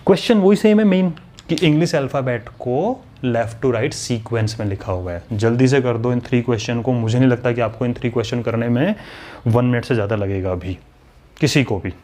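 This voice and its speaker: A man's voice: medium pitch, brisk, darkish tone. A man teaching an online exam-prep lesson, explaining step by step and often checking whether students follow. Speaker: maths and reasoning teacher.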